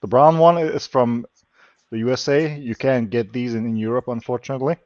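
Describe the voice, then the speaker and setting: Man, halting and chuckly. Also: mid-range voice, fairly even intonation, a little mellow, no room sound. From Slovakia. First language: Hungarian. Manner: halting, searches for words, chuckles often. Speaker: lockpicking livestream guest. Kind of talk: casual chat. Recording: dull lo-fi stream audio.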